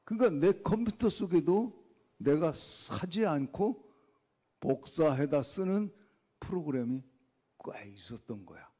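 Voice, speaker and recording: A man's voice: fairly high pitch, animated, a little slow, dark tone, breathy edge. An older man preaching a dawn revival sermon, telling stories and acting out his own conversations with God. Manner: storytelling, acts out his talks with God. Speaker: guest preacher.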